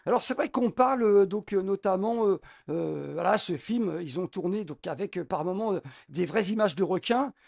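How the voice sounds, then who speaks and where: A man's voice: high-pitched, animated, normal speed, vocal fry, hardly any pauses, a little mellow. A man reviewing a film in a casual vlog, talking with constant hesitations, fillers and restarts. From France. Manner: hesitant, heavy filler words, many restarts. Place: home room with film posters behind.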